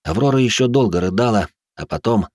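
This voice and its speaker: Low-voiced male audiobook narrator. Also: a little fast, no echo, clean studio sound. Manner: dramatic, expressive reading. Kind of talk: scripted narration.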